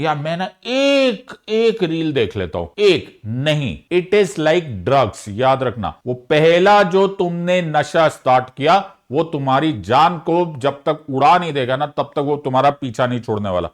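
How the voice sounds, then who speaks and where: A man coaching exam students, giving direct, earnest study advice and talking to the viewer like a friend. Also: fairly high pitch. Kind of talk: motivational study advice in mixed Hindi and English.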